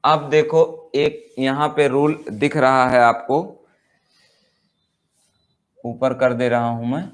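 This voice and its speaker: Man, patient grammar teacher, drawn-out delivery, repeats each point. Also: medium pitch, flat delivery. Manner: slow, explanatory, repeats points and asks rhetorical questions; reads English example sentences very slowly, word by word. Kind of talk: Hindi-language grammar lesson.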